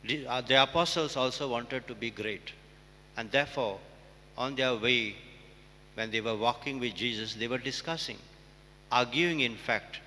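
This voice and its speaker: A man preaches and reads scripture as a priest at Mass. His voice is bright and projected, measured and solemn. It carries a long cathedral echo in a large church. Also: medium pitch. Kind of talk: liturgical reading and homily. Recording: cathedral echo, long reverb, mains hum.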